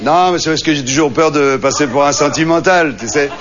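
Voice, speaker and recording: Speaking fairly quickly in a voice on the high side, a stand-up comedian plays a boastful, chatty storyteller in a colloquial monologue about hunting and fishing, for a live audience. A crowd is audible in the noisy background, and the dull recording catches loud laughter.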